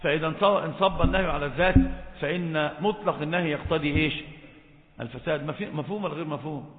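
A man's voice: fairly high pitch, rapid-fire. A man teaching Islamic law to a class. He keeps quizzing the students and scolds them when they don't raise their hands. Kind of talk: classroom religious lecture. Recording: thin phone-like sound in a reverberant hall.

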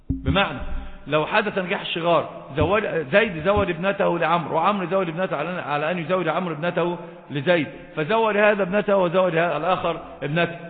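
A man teaching Islamic law to a class. He keeps quizzing the students and scolds them when they don't raise their hands. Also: high-pitched. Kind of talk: classroom religious lecture. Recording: thin phone-like sound in a reverberant hall.

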